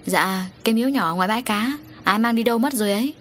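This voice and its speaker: A woman's voice: on the high side, a little hiss or hum, lightly acted. A woman voicing a young male servant who reports news urgently, in a storybook reading. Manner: hurried, urgent.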